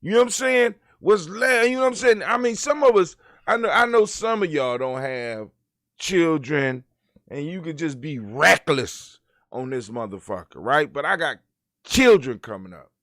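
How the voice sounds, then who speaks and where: Male host, casual news commentary, animated with wide pitch swings, dry close mic. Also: moderate pace, dry recording. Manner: animated, profane, rants and reads articles aloud. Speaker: podcast host.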